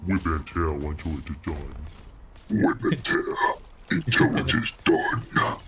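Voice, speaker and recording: A man voicing the Doom Slayer as a deep-voiced warrior with a lisp, declaiming grandly. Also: expressive, slow pace, over music, full character voice. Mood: pompous. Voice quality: deep, lisping. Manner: pompous, declaiming.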